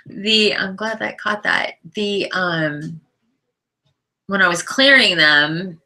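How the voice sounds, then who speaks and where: A woman giving a live tarot reading, earnest and emotional, reading card texts aloud and often dropping to a soft whisper. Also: mid-range voice, takes it slowly, poor audio. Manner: spiritual, chatty, reads card texts aloud. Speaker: tarot reader.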